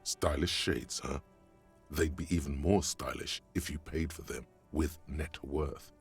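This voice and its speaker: A man playing a detective's brooding, sardonic inner voice, narrating a video game in a deliberate, dry, literary way. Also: a bass voice, creaky, breathy edge, faint music behind, exaggerated voice.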